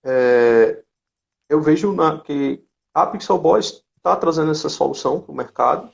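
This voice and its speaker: Hosting his company's live stream, a Brazilian-accented man leads a relaxed interview chat in a voice that is on the high side, a little slow, and gravelly. The recording has the dull, lo-fi sound of a live stream, with faint music behind it.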